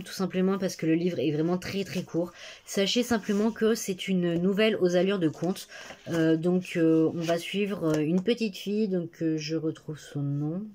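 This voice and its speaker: A young woman talking casually about books she has read, with many fillers, pauses and self-corrections. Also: lowish voice, darkish tone, slight background noise. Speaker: book vlogger. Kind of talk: casual book review to camera.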